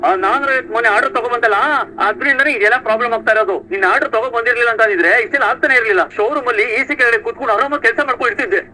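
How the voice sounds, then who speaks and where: A man playing an arrogant, hot-tempered eldest son in a TV serial, scolding and shouting. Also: very high voice, rapid-fire, slight background noise, exaggerated voice, rough recording. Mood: angry. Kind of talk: TV serial acting.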